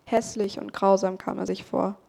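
A woman narrating a storybook with a calm, steady voice. She reads expressively, slowing down at key turns of the story. Her pitch sits in an ordinary middle range. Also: gravelly. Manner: calm, expressive read-aloud. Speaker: story reader.

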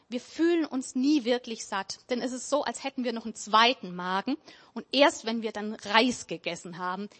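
Earnest woman preaching, slightly high voice. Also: fairly bright tone. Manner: earnest, conversational, frequent "ja" and "ähm" fillers. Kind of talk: sermon.

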